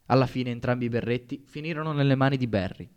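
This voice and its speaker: A man's voice: medium pitch, fast talker, a little mellow, clean tone. A man narrating a story in the first person, audiobook style, with a wry, dry humor.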